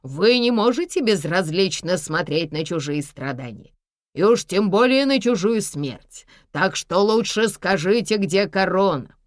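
A cold, mocking older villain with a lowered, forceful voice , as a woman reads him out. He barks threats with lively swings in pitch, in a dry, close audiobook sound. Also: unhurried, no echo, natural voice. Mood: menacing. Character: ruthless older man, menacing villain with a revolver.

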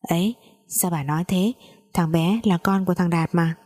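Woman voices a fawning older schemer, sugary and shrill; audiobook story. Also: steady tone, moderate pace, dark tone, lightly acted. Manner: sweet-talking, shrill.

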